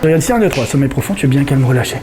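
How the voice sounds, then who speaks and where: A man hosting a comedy hypnosis show, giving slow, calming commands. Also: medium pitch, crowd noise, background noise. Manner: slow soothing inductions, laughing banter. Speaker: stage hypnotist and host.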